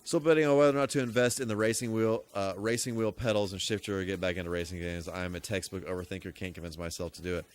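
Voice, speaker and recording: Barely pausing, a man with a deep, fairly even voice talks quickly through a live video game stream. His commentary is casual and rambling, a stream of thinking aloud over background music.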